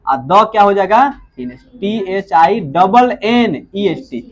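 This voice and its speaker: High-voiced man teaching grammar. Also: animated. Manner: asks rhetorical questions and answers them himself; repeats key words slowly for emphasis. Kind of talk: classroom lecture.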